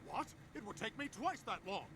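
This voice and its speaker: A man's voice: high voice, big pitch swings, brisk, noisy background. A man voicing a brash, dim, cheerful cartoon suburban dad. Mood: breezy, self-satisfied.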